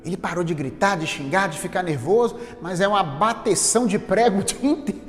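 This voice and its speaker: A man's voice: sits high, a little fast, in a large hall, close to an everyday voice. A man voicing an exasperated mother who complains and lists everything she has tried. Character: exasperated mother at her wits' end.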